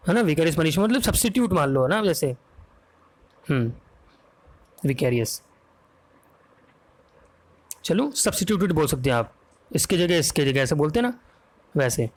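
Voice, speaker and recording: Indian male tutor, slightly high voice, patient spelling-out delivery, constant check-ins with students. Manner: explains slowly, spells words letter by letter, asks "ok?" and "है ना?" often. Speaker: English grammar teacher. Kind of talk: exam-prep vocabulary lesson in Hindi with English words.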